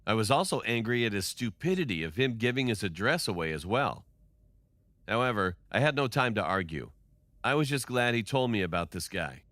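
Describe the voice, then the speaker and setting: Low-voiced man narrating a story. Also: sing-song, fairly quick, fairly bright tone, dry recording. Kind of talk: scripted first-person narration.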